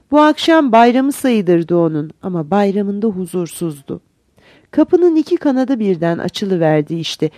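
A woman narrating a fairy tale aloud in an expressive, animated storybook reading. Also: medium pitch, no echo, studio quality.

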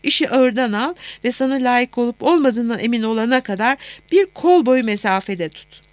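Woman doing a gentle, soothing mother, raised and fairly high voice, dry close sound. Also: lively intonation, moderate pace, dry recording, close to an everyday voice. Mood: fond worry. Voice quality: soft, soothing. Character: warm doting middle-aged mother on the phone. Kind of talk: audiobook character voice.

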